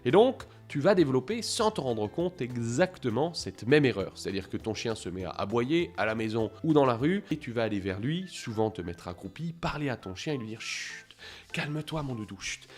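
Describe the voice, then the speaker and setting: Dog trainer guy talking to camera, lots of pitch swings, faint music behind. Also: fairly quick, hardly any pauses. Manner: animated, addresses viewer directly, acts out owners. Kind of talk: educational video monologue.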